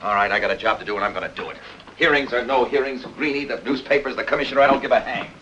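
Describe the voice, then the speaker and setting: An actor playing a tough, blunt police captain in a 1950s film, talking in a clipped, forceful way. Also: male voice, medium pitch, racing, slight background noise, close to an everyday voice. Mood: weary, determined. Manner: clipped, forceful, hard-nosed interrogating. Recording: dull lo-fi 1950s film audio.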